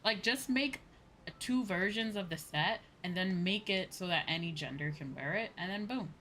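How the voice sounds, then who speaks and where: Over background music and a faint hiss or hum, a female streamer with a sharp, mid-range voice talks informally at a normal speed while playing an online game. She thinks aloud and often says "you know" and "like."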